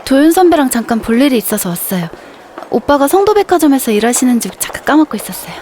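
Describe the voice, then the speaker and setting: A woman's voice: sits high, sing-song, fast, warm tone, a little hiss or hum. An actress playing a shy, easily flustered, earnest young woman in a romance audio drama, timid and polite in her speech. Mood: shy, hesitant. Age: young adult. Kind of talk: romance audio drama acting with inner monologue.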